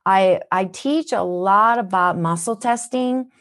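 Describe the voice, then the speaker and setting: In a slow, mid-range voice, a Minnesotan-accented woman from Japan talks as a wellness guest on a podcast. Earnest and teacherly, she frames her points as rhetorical questions.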